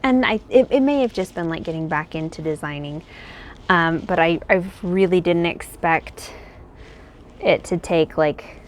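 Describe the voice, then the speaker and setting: A woman's voice: on the low side, unhurried. A woman talking in a casual, rambling way, thinking aloud as she shows her crochet work. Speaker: crochet pattern designer. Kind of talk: casual chat. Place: home, indoors.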